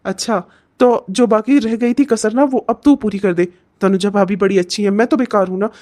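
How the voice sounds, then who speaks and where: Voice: mid-range voice, fairly even intonation, moderate pace, darkish tone, close to an everyday voice. A performer voicing a jealous young husband in a cartoon, sulky and complaining that no one praises him. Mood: irritated. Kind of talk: cartoon voice acting.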